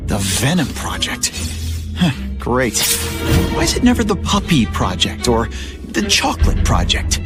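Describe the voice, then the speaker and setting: A man's voice: medium pitch, huge pitch swings, measured pace. A man playing a young, wisecracking, righteous masked superhero in a video game, quippy and earnest. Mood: wry. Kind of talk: video game cutscene acting. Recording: loud music behind the voice. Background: loud game music.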